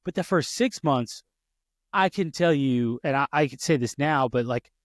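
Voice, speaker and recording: In a casual, conversational style, this thirty-something podcast host drifts into stories from his own life, frequently restarting and correcting himself. His middle-pitched voice moves at normal speed, captured close and dry without echo or room sound.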